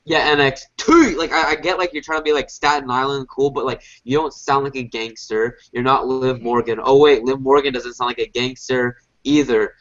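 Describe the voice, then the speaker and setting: A man's voice: medium pitch, steady tone, a little fast, hardly any pauses, a bit bright. A man co-hosting a casual review podcast, congested as if a little sick, rambling with lots of fillers and restarts. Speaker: podcast co-host. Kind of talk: casual wrestling review chat. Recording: dull lo-fi podcast audio.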